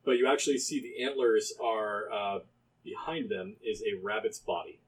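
A man's voice: fairly low pitch, fairly even intonation, normal speed, husky, low-quality recording. A man narrating as game master of a tabletop game, loose and amused, with many fillers.

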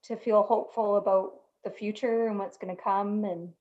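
A woman's voice: medium pitch, steady tone, normal speed, phone-quality sound. A woman speaking as a therapist in a casual podcast panel discussion.

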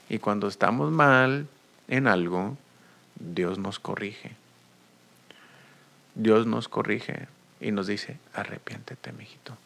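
A man preaching a bilingual sermon as a pastor, talking slowly and deliberately, moving between two languages and repeating each point. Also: medium pitch, gravelly, a bit bright. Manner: switches between Spanish and English, repeating points; slow, deliberate preaching with restarts. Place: United States.

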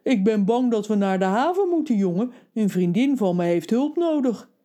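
A woman voicing a big, kind, tattooed male giant pirate who speaks calmly and gently, with a worried edge. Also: a little high, moderate pace, pitched above the performer's own voice, natural voice. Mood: calm, kindly. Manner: gentle, calm and concerned.

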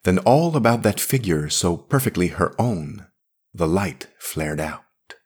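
Brief: deep-voiced man narrating a story, unhurried and lively in inflection. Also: husky. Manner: measured, expressive storytelling. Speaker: podcast story reader. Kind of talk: scripted narration.

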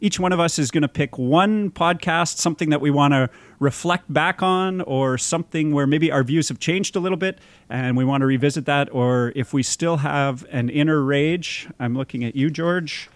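A man's voice: on the high side, normal speed, hardly any pauses, dry recording. A middle-aged man, hosting a podcast in a casual, chatty style. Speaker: podcast host.

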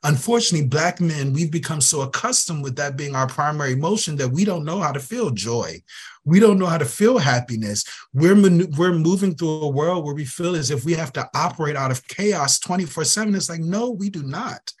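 In a conversational interview, a youth program director talks fairly quickly with a husky, fairly high voice and lively intonation. He's earnest and forceful, circling back to the same phrases to drive his message in.

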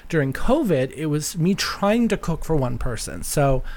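Higher-voiced man chatting casually. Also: very animated, moderate pace, a little mellow. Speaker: solo podcast host. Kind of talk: casual, rambling personal chat.

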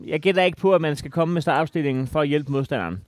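A man's voice: fairly high pitch, no echo. A man co-hosting a podcast, arguing his point in a heated casual debate and pressing the others with pointed questions. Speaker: podcast co-host.

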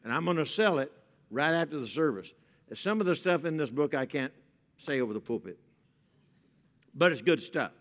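A man's voice: on the high side, lively intonation, moderate pace, pauses often. An American man preaching a sermon at a pulpit microphone in a folksy way, repeating phrases for emphasis in a reverberant church hall. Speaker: pastor preaching to a congregation. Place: large indoor church hall.

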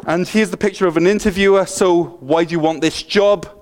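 A Welsh pastor, middle-aged and with a Welsh accent, preaches a sermon in a high-pitched, steady, brisk voice. His delivery is joking and self-deprecating, marked by a slight stutter and frequent restarts.

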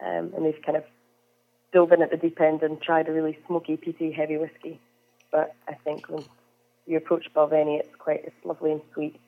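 A young woman from the Isle of Lewis in Scotland's Hebrides, a whisky brand ambassador, answers interview questions conversationally with frequent "um"s. Her voice is deep and completely flat, a little fast, heard over a tinny phone line.

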